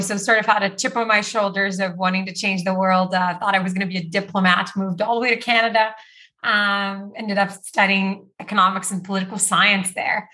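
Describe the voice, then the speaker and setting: Brief: woman from Brazil, bright lively voice, chatty interview guest, lots of "like". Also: mid-range voice. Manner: chatty, uses "like" often, laughs between phrases. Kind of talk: casual interview talk.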